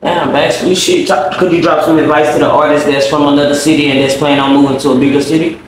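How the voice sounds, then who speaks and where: A man's voice: fairly high pitch, flat delivery, fast. A man hosting a podcast interview, loose and joking, swearing freely. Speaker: podcast host. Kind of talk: casual interview chat. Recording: echoey room with background noise.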